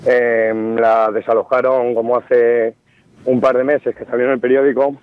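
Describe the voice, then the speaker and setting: A man's voice: mid-range voice, flat delivery, unhurried, clear, resonant tone. A man calling into a radio talk show over the phone, speaking with indignation and accusation. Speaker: radio caller. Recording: muffled dry phone line.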